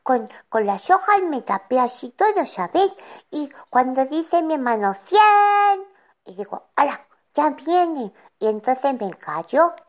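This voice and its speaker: A woman's voice: sits high, sing-song, measured pace, exaggerated voice. A woman doing a chatty little boy. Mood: eager telling. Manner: childish storytelling, playing out every voice. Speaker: child character.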